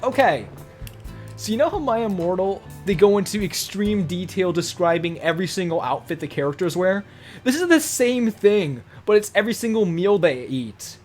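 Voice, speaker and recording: A man's voice: high-pitched, animated, moderate pace, a little mellow, faint music behind. A young man reading a story aloud with casual, sarcastic comedic commentary. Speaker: YouTuber.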